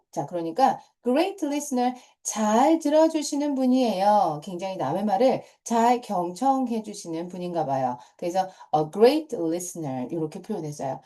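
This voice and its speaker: A woman's voice: mid-range voice, warm tone. A middle-aged woman teaching English grammar to middle school students, patient and repetitive, often starting phrases with a short cue word. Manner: patient, repeats key points, starts phrases with "자".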